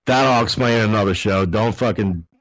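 Low-voiced man telling profane anecdotes. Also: normal speed, fairly bright tone, dry recording, muffled recording. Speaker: podcast guest. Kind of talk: casual storytelling.

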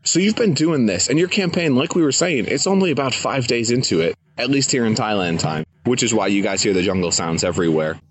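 A man's voice: medium pitch, animated, fairly quick, hardly any pauses. A young adult man hosting a podcast interview, enthusiastic and eager to give advice. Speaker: podcast host. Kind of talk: casual interview. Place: living in Thailand, jungle sounds around.

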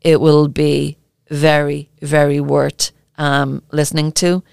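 A woman with an Irish accent co-hosting a podcast, talking earnestly and haltingly with many filler ums. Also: deep voice, completely flat delivery, creaky, darkish tone, clean tone, no room sound, clean studio sound. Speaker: podcast co-host. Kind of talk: casual podcast chat.

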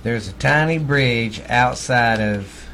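This podcast co-host is a middle-aged man from Texas with the accent to match, talking slowly in a medium-pitched, pushed, bright voice over faint hiss or hum. He tells ghost stories casually, bluntly, with jokes and profanity.

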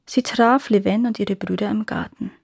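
A woman's voice: medium pitch, normal speed, creaky, breathy edge, no room sound, clean studio sound. Woman reading a fairy tale aloud. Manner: calm, even narration. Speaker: storyteller.

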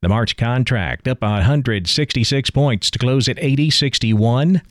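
A male radio anchor delivers scripted market news in a measured broadcast manner. His pitch is mid-range and the sound is close and dry. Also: dry recording.

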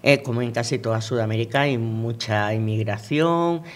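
A man's voice: mid-range voice, normal speed. A man from Venezuela co-hosting a casual radio chat, rambling and repeating words while he looks for them. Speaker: radio co-host. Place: local radio studio.

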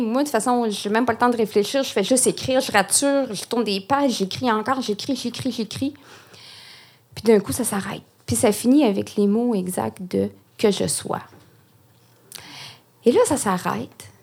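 A woman's voice: mid-range voice, creaky, darkish tone, slightly rough. A woman with a Quebec French accent telling a personal story to a live audience, emotional and full of restarts. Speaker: guest speaker, poet.

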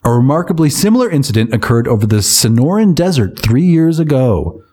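A man co-hosting a comedy podcast, reading news items aloud and breaking in with sarcastic, deadpan asides. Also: medium pitch, brisk. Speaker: podcast co-host.

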